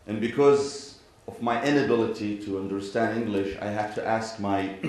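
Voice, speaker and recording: With an Iraqi Arabic accent, a man from Iraq and Kuwait serves as an imam delivering a formal speech in deliberate, measured phrases to an assembly in a large indoor venue. His pitch is fairly low and a little mellow, and he often clears his throat, using pauses and repeated parallel sentences. Faint background noise and heavy echo fill the hall.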